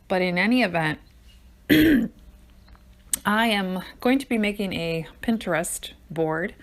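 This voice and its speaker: An older woman hosting her own podcast, talking in a rambling, improvised, chatty way. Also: lowish voice. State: out of breath. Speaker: podcast host. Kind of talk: casual improvised monologue.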